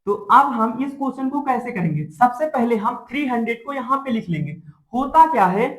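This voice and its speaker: A man's voice: very high voice, lively intonation, low-quality recording. Patient male teacher repeating every step. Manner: asks and answers his own questions, checks in often; repeats each step slowly. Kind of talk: classroom math lesson. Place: classroom.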